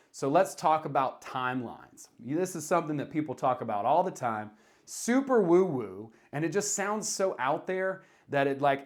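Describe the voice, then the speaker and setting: A man with a Southern US accent and a drawl, explaining ideas in a casual, conversational video talk, leaning on key points. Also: medium pitch. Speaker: self-help video creator.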